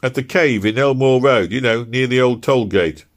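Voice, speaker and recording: A man's voice: medium pitch, moderate pace, pitched above the performer's own voice, lightly acted. Worried working husband, read by a man, apologetic and anxious.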